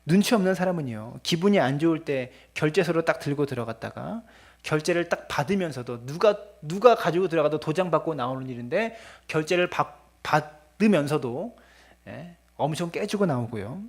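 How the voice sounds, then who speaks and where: A pastor delivers an earnest sermon in a husky, slightly breathy voice pitched a little high for a man. He speaks straight to the congregation with a preacher's cadence. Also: expressive, normal speed. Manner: earnest preaching, acts out scolding parents in quoted lines; addresses the congregation often.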